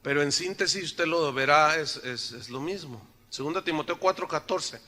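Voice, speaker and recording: Speaking at a normal pace, an elderly pastor preaches inside a church sanctuary, his bright, high-pitched voice carrying a hint of throat strain. He jokes around, keeps things conversational, and keeps posing rhetorical questions to the people in the pews.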